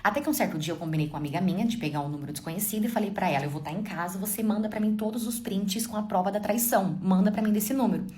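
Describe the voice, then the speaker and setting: Speaking very fast with hardly any pauses, a young woman with a mellow, medium-pitched voice recounts a dramatic story from her own point of view. Her manner is casual, and she addresses her listeners directly.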